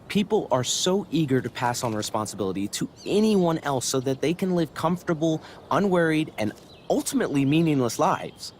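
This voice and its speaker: A man's voice: fairly high pitch, animated, brisk, slight background noise, natural voice. A man playing a pompous, earnest, stuck-up teenage student in a video game, speaking with haughty, precise diction. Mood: lofty, earnest.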